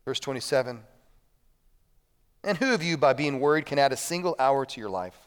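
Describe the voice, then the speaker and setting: A man, a pastor preaching a sermon, moving between hushed moments and loud appeals. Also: mid-range voice, expressive, fairly quick, clear, resonant tone. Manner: preaching with big swings between quiet and loud. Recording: long reverb of a hall.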